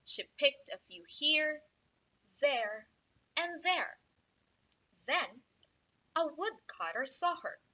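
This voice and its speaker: An English tutor telling a fairy tale to learners, slowly and expressively. Her voice is high and bright, and her pitch swoops a lot. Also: poor audio. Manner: slow, clear and expressive.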